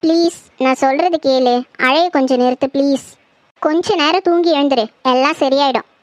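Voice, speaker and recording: A woman voicing a caring young woman who gently coaxes a grieving friend, in a horror audio drama. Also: high-pitched, normal speed, no room sound, close to an everyday voice. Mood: soothing. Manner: gentle coaxing. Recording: dull lo-fi, dry.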